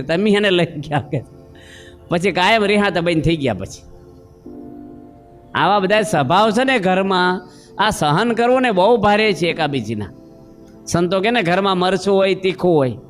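A man's voice: sits high, expressive, moderate pace, pauses often, soft background music. A man preaching a sermon, telling homely stories and questioning his listeners. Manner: storytelling with acted voices and questions to listeners.

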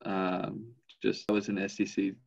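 A man's voice: sits low, completely flat delivery, normal speed, vocal fry, a little mellow, slightly rough. A man in his twenties from the Netherlands, a student, talking hesitantly in a casual video call chat on a headset. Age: 20s. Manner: hesitant, lots of restarts. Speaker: fourth-year student. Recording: dull lo-fi video call audio.

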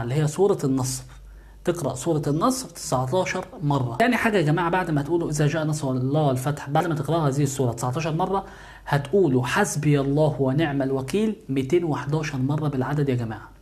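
Rapid-fire Egyptian man explaining to viewers. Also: on the high side, darkish tone. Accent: Egyptian Arabic. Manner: keeps addressing the audience and answers his own questions. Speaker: YouTube channel host. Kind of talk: casual spiritual how-to talk to viewers.

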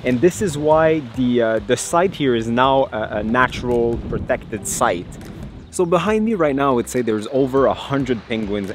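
A man talking in a bouncy, lively voice that moves all over his range. He chats casually as a travel vlog host, and a faint hum of ambient noise sits under his voice. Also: medium pitch. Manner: upbeat, chatty, laughs often. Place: inside an old jeep, then outdoors in rain.

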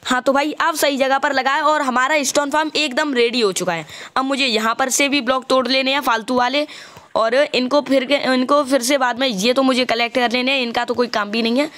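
A man giving casual gameplay commentary, chatty and walking the viewer through each step, stopping to fix his own mistakes out loud. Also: very high-pitched, fairly even intonation, fairly quick. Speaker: gaming channel host.

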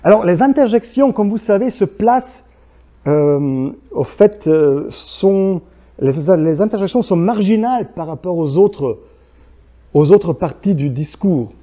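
A man with a Slavic accent, a native Slovene speaker, giving a university lecture in a halting way, full of restarts and fillers, acting out the sounds he discusses. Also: high voice, animated, highs cut off. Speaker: guest lecturer.

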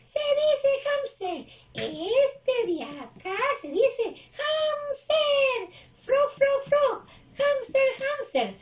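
A bubbly little puppet in a children's lesson, squealing in a very high, lively sing-song. The sound is dull and lo-fi. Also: female voice, drawn-out words, slight background noise, full character voice. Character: bubbly little puppet named Jelly Bean.

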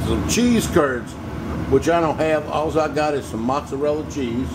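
A man's voice: fairly high pitch, expressive. A middle-aged man with a Southern US accent talking in a folksy, plain-spoken way as he demonstrates home cooking in a casual vlog. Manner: folksy, unhurried, plain-spoken with mild swearing. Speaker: home cook demonstrating a recipe. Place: home kitchen, indoors. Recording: clear background kitchen hum noise.

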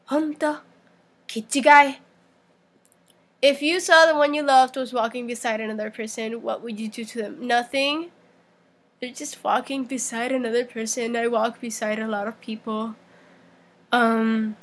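A hoarse young woman rambling casually through a voice-meme recording, with lots of fillers and laughs. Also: a little high, fairly bright tone. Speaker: channel uploader.

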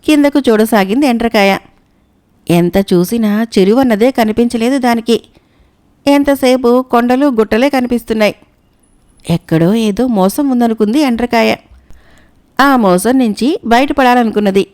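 A woman narrating a moral folk tale in a calm, measured storytelling manner. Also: on the high side.

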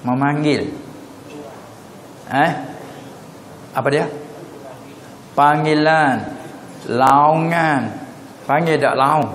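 A man's voice: a little high, steady tone, fairly bright tone, slight background noise. Patani Malay man lecturing in an echoey hall. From southern Thailand (Patani). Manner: questioning listeners, drawn-out Arabic terms. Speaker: religious teacher. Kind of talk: religious lecture.

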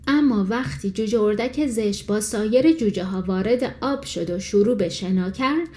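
A woman reading a fairy tale as an audiobook narrator, in calm, measured storytelling. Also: mid-range voice.

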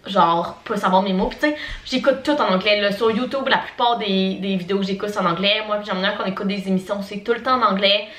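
A woman in her twenties with a Québécois French accent, vlogging in a relaxed everyday voice. She rambles along casually, stringing thoughts together with lots of fillers. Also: medium pitch, quick pace. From Quebec, Canada. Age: 20s. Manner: chatty and rambling, heavy on fillers. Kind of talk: casual chat to camera.

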